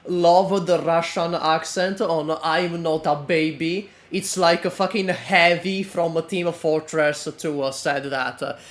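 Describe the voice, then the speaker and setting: A man giving unscripted reaction commentary in a halting, deadpan manner. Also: a little high.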